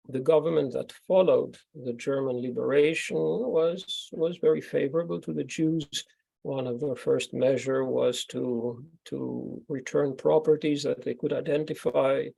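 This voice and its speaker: A man, answering audience questions over a video call in a measured, factual way. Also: mid-range voice, creaky, darkish tone, slightly rough, poor audio. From Greece. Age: 70s. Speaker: guest speaker.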